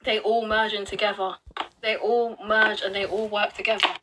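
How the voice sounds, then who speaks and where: A woman's voice: medium pitch, flat delivery, normal speed, background noise. A woman giving an upset, urgent commentary to her viewers, swearing and pressing her points. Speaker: video blogger. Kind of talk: live commentary on online records.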